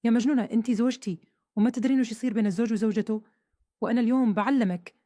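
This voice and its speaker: A woman's voice: fairly high pitch, racing, no echo, natural voice. Woman doing a brutal, scornful husband. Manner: shouting, scornful. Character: harsh, brutal, mocking grown husband.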